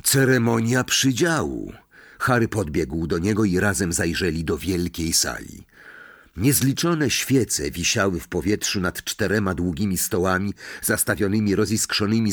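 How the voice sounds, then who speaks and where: A man narrating an audiobook in an expressive storytelling style. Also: sits low, dry recording, clean studio sound. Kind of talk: scripted narration.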